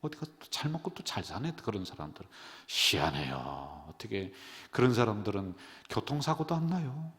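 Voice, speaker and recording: Emotional pastor preaching in reverberant sanctuary. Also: male voice, lowish voice, very animated, normal speed, few pauses. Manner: emotional, swinging from loud exclamations to hushed whispers. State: voice worn and subdued lately. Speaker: senior pastor. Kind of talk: sermon at a midweek prayer service. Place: church sanctuary. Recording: long reverb of a church sanctuary.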